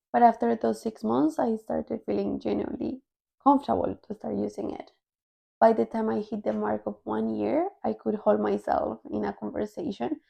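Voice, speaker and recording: A language-learning vlogger, a young Colombian woman whose first language is Spanish, casually tells viewers her own story in Colombian-accented English. She has a fairly high, mellow voice with vocal fry.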